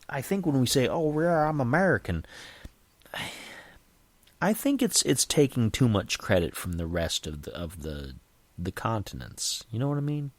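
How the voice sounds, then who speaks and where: A man's voice: on the low side, dry recording. A man hosting a podcast in a casual, digressive monologue, earnestly reassuring his listeners and often restarting his sentences. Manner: chatty, digressive, often restarts and self-corrects. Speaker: podcast host.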